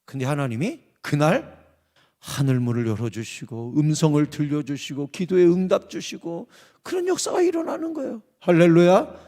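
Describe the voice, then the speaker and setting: Emphatic male preacher with a gravelly voice. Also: fairly high pitch, big pitch swings, moderate pace, mellow. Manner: emphatic, dramatic preaching that acts out quoted voices. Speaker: pastor. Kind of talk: revival sermon. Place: church sanctuary. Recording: reverberant church hall.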